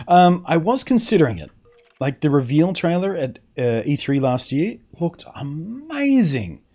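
A man's voice: fairly high pitch, sing-song, measured pace, darkish tone. A man chatting casually on a live stream, answering chat in an opinionated, rambling way, often trailing off and restarting his sentences.

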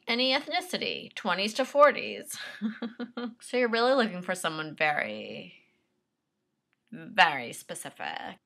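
A woman in her twenties doing a comedic sketch as an actress, dry and sarcastic, with deadpan asides. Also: fairly low pitch, vocal fry. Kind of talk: comedic self-tape sketch.

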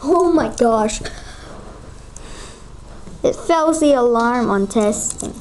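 A woman giving excited gameplay commentary, gasping and exclaiming often. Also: on the high side, slow, a little hiss or hum. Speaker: gamer.

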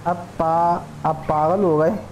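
Excitable man streaming a game. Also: fairly high pitch, takes it slowly, a little hiss or hum. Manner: chatty with viewers. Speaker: gaming streamer. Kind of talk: casual live gameplay commentary.

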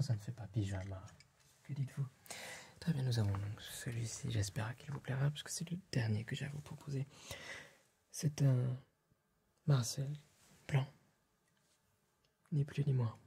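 Playing a fussy but polite tailor with a client, this young adult male ASMR performer speaks in a breathy, hesitant whisper. The setting is a small room made up as a tailor's workshop, captured on a close ASMR mic. His mid-range voice has vocal fry, a warm tone and a breathy edge.

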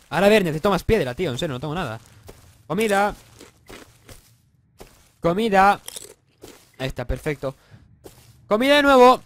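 A young YouTuber from Spain, speaking with a Spanish accent in a slightly high voice, riffs casually over his gameplay. He jokes, swears, and erupts into yells in an excitable way, sounding somewhat congested from a sore throat.

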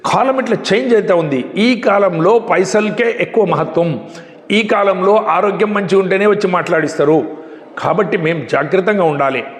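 A man's voice: high voice, moderate pace, roomy sound, big-room sound. A man giving a spoken moral talk with a fable, preachy and repeating phrases for emphasis. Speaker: moral speaker.

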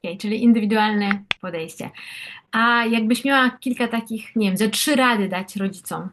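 A woman interviewing a guest in an easygoing chat. She asks her questions haltingly, restarting and rephrasing them before she gets to the point. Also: a little high, a bit bright. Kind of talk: conversational interview.

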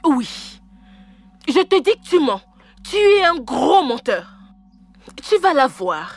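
A woman's voice: high voice, sing-song, slow, no room sound, exaggerated voice. A stern scolding mother. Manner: scolding, commanding. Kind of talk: dubbed film drama.

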